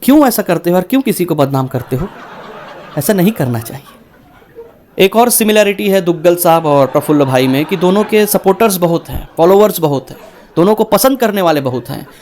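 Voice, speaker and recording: A man's voice: fairly quick, a little hiss or hum. A young man performing a stand-up comedy set, acting out characters with big swings in his voice. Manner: animated, acts out characters with shifting pitch.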